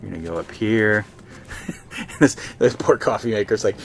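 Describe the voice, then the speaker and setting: A man streaming a game live, excitably talking to his units and chatting with viewers. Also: fairly low pitch, normal speed, a little hiss or hum. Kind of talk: live let's-play commentary.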